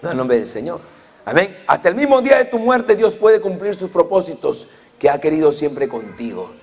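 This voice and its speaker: Fervent gravelly-voiced man preaching in a hall. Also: fairly high pitch, sing-song, normal speed, darkish tone. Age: 40s. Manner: fervent preaching peppered with amen and hallelujah. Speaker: pastor. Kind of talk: sermon. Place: church hall. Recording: long reverb of a church hall.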